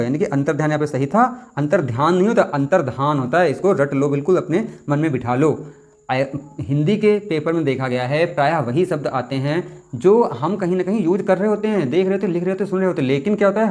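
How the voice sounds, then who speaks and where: A young man coaching exam students, thinking aloud, rereading sentences slowly and correcting himself as he goes. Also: a little high, a little mellow.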